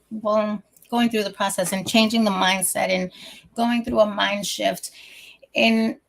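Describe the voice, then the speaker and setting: A woman's voice: mid-range voice, fairly bright tone. A woman hosting her own talk show as a coach, speaking casually in a rambling way with many restarts, a little out of breath. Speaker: host and life coach.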